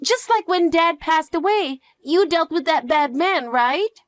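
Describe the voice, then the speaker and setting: A woman voicing an anxious, clingy elementary-school girl in an audio drama, asking high, pleading questions. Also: measured pace, no room sound. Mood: scared.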